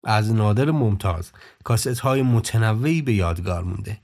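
Male podcast narrator, measured delivery. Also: fairly low pitch, a little mellow. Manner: measured, informative. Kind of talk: scripted documentary narration.

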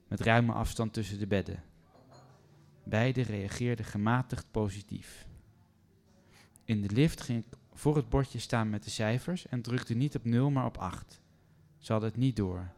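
A man reading a first-person story aloud in a calm, measured way. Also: mid-range voice.

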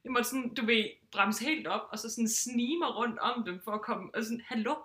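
A woman co-hosting a casual podcast chat, telling animated stories and swearing freely. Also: on the high side. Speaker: podcast co-host. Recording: echoey room.

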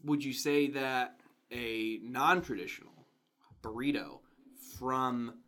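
A man talking casually as a podcast co-host. His voice sits at a middling pitch, and he keeps pressing with questions, often restarting mid-phrase. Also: takes it slowly, bright, forceful tone. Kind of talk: casual chat.

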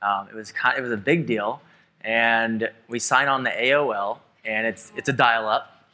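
A man in his twenties speaks casually on a panel and tends to ramble. His voice is very bright. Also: mid-range voice, fairly even intonation, moderate pace. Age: 20s. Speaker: panel guest. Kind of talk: panel discussion.

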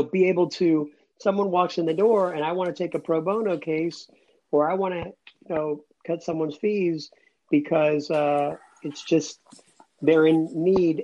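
Earnest and rambling, an immigration lawyer in his late thirties shares his story as a guest in a casual interview; he was born in Cuba and grew up near Atlanta. He speaks in a slightly high, darkish voice, the dull lo-fi recording carrying slight background noise.

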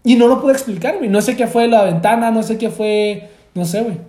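A young man with a Mexican Spanish accent in casual, slang-heavy chat, reacting with quick interjections. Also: high voice, dark tone, echoey room.

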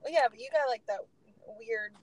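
A woman co-hosting a podcast, telling stories in a casual, animated way with lots of "like". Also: a little high, fairly quick, low-quality recording. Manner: animated storyteller, says "like" a lot. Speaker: podcast co-host. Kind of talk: casual chat.

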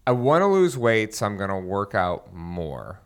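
A man's voice: fairly low pitch, very animated, a little slow, clear, resonant tone. A man co-hosting a casual fitness podcast, joking and upbeat as he leads the segments. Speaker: podcast co-host.

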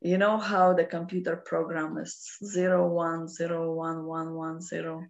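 A woman with a Russian accent explaining philosophical ideas off the cuff in halting non-native English. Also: low voice, little pitch movement, vocal fry, muffled recording. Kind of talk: unscripted philosophical explanation in conversation. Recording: roomy, echoing sound.

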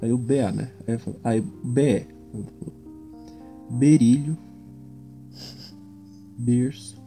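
A man's voice: mid-range voice, slow, warm tone, soft background music. A man in casual chat, patiently explaining in a drawling way.

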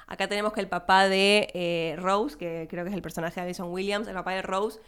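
Woman, Argentine accent, young adult, podcast host, casual film commentary, chatty, smooth tone, mid pitch. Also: steady tone, fairly bright tone. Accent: Argentine Spanish, not Buenos Aires. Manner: chatty, laughs while talking, quick asides to listeners.

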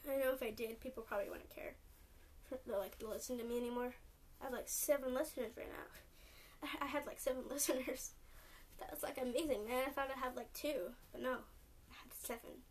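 Young woman, Californian accent, podcast host; casual rambling, fillers everywhere, slightly high voice, distant mic. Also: fairly even intonation, brisk. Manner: rambling, lots of "like" and "um", restarts often. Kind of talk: rambling solo podcast chat. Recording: distant mic with faint noise.

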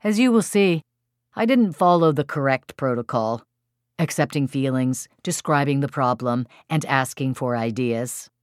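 A woman's voice: extremely low pitch, normal speed, no room sound, studio quality. A middle-aged woman, the author and a mother, reading her own audiobook in a wry, self-deprecating storytelling manner. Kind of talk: audiobook narration.

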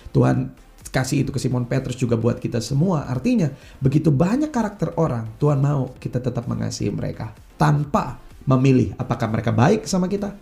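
A man, a youth pastor preaching earnestly in a relaxed chat, mixing in slang and acting out everyday complaints. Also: medium pitch, a little fast, gravelly.

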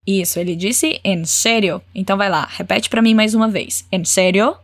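A woman with a mid-range voice and no room sound teaches Spanish phrases in an encouraging way. Running repeat-after-me drills, she models each phrase slowly and clearly.

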